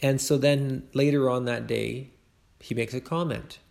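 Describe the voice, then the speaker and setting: Gravelly-voiced man giving a faith talk. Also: mid-range voice, steady tone, a little slow, a little mellow. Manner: conversational, with frequent restarts.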